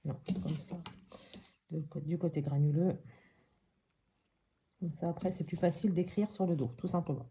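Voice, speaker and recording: A woman's voice: sits low, steady tone, moderate pace, pauses often, dark tone, a little hiss or hum. A woman hosting a casual step-by-step crafting tutorial at her craft table at home, chatting and thinking aloud with many little hops and voilàs.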